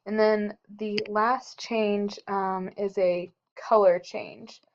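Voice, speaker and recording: Woman, chemistry teacher, unhurried lecture, filler words, dull lo-fi recording. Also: medium pitch, steady tone. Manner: slow and explanatory, frequent um and uh fillers.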